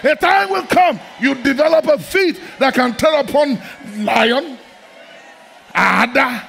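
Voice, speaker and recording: High-pitched gravelly male preacher. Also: animated, slow, a faint crowd, slight background noise. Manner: fervent, repetitive, often breaking into shouts. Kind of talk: sermon. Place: large church hall, seated on stage.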